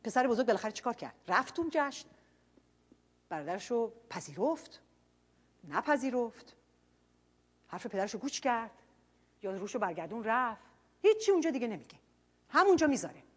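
Earnest woman preacher, husky voice. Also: fairly high pitch, sing-song, long pauses. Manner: earnest, swinging between quiet reflection and loud emphasis. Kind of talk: sermon.

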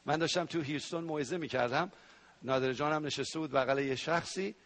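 A man from Iran preaching a sermon to a congregation, animated, with sudden loud cries and playful sound effects. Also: a little high. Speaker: pastor.

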